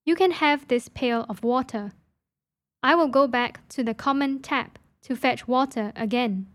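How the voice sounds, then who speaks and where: A kind, poor young boy from a storybook speaks gently and generously, read by a woman. The voice is fairly high, and the pace is slow and measured. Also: no room sound.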